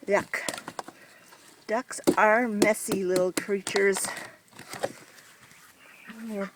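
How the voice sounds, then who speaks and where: A woman's voice: medium pitch, steady tone, very slow, background noise. A woman from the United States chatting casually to camera outdoors at her duck pen, cooing in a sing-song voice to her ducks and a little out of breath. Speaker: vlogger. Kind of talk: casual vlog chat.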